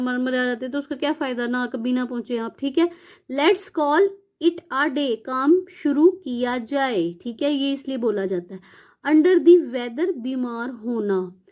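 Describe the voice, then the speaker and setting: A woman from Pakistan with a Pakistani accent, working through a textbook exercise as a teacher. She explains English words in Urdu and often pauses with fillers. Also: high-pitched, darkish tone. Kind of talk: exercise walkthrough lesson.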